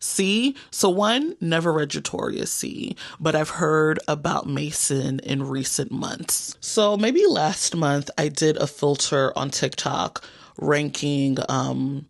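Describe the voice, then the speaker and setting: A woman's voice: deep voice, animated, slow pace, gravelly, no room sound. A woman from New York chatting casually with viewers about the books on her reading list, playful and talkative. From New York, United States. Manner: chatty and playful, addresses viewers as y'all and baby. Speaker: booktuber. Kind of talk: casual chat reviewing books.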